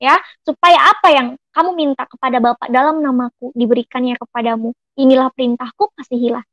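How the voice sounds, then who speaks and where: A woman's voice: high-pitched, steady tone, quick pace, fairly bright tone, no room sound, dull audio. A woman giving an emotional personal testimony, speaking to her listeners as friends and reading scripture aloud. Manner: reads and quotes scripture aloud.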